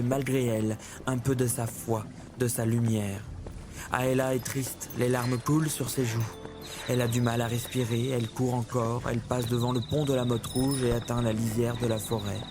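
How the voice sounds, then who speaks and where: A man giving scripted storybook narration, measured and dramatic, with music behind. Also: mid-range voice.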